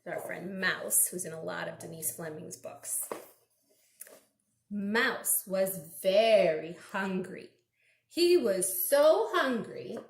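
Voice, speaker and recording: A children's librarian reads aloud expressively to small children, prompting them with simple questions. Her medium-pitched voice has lively intonation, a slow pace, and some vocal fry. The indoor recording is roomy and echoing.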